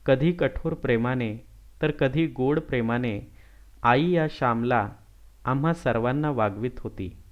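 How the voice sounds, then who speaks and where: A man reading a classic novel aloud, telling the story in a slow, steady way. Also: medium pitch. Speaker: audiobook reader. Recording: slightly dull lo-fi recording.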